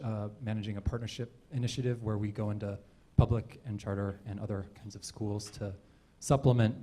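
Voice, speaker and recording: A man's voice: lowish voice, warm tone. A man from Nebraska introducing himself on a panel, joking about himself and speaking into his own microphone. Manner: self-joking, amused. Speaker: panelist, trombonist. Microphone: own handheld mic.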